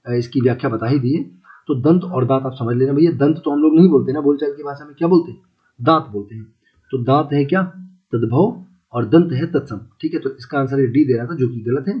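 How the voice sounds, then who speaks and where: A man teaching a casual exam-prep Hindi lesson, repeating key words and asking listeners if they follow. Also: medium pitch. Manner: repeats key words, asks checking questions; chatty, calls listeners brother and friends. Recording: slightly dull lo-fi audio.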